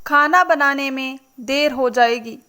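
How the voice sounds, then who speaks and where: A woman's voice: high voice, unhurried, bright, forceful tone. A woman voicing a petulant, complaining young daughter-in-law in a spoken storybook. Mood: grumbling. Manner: grumbling, sulky.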